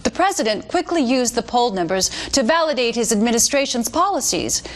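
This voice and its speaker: A female American news anchor from a video game reads scripted news bulletins with measured, formal authority, sounding polished and upbeat. Her fairly high voice swings widely in pitch, and she comes across as an earnest, polished government mouthpiece.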